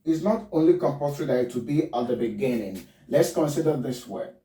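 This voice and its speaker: Male phonetics teacher, deliberate drill-like delivery, dark timbre, echoey room. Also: medium pitch, expressive. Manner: spells words letter by letter, repeats them slowly. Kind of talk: pronunciation lesson. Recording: roomy, distant mic.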